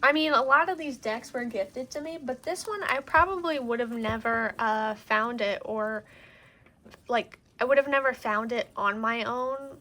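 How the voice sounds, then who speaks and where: Standing in heavy wind, a woman with a slightly high, somewhat bright voice shows off her tarot cards to camera at a measured pace. Her show-and-tell is casual and gushing, rambling with plenty of "like."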